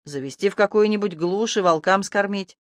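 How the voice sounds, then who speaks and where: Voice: mid-range voice, brisk, no echo, clean studio sound, lightly acted. An audiobook narrator voicing a wary, prickly young village girl who speaks indignantly. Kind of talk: audiobook character voice.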